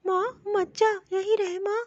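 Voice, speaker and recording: A woman's voice: extremely high pitch, steady tone, unhurried, darkish tone. A woman voicing a mild young married son. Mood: placating. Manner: soothing, placating. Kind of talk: cartoon voice acting. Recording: dull, muffled lo-fi recording.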